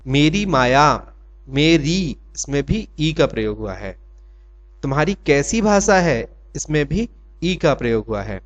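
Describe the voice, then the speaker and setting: A male teacher works through an exam quiz, asking each question aloud and answering it himself. He stretches out his example words slowly. His voice sits a little high, and the recording sounds dull and lo-fi.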